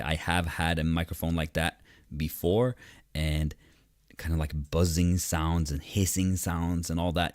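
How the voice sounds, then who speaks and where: Deep, dry close-miked man teaching casually. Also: no room sound. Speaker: online course instructor. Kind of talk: casual tutorial narration. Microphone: close USB desktop microphone.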